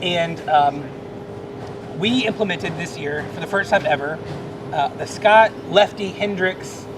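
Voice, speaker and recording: Middle-aged man, warmly earnest, rambling, high voice, steady rumble behind. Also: measured pace. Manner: earnest, emotional, rambling with restarts. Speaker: Salvation Army officer. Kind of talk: casual chat. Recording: noisy background rumble.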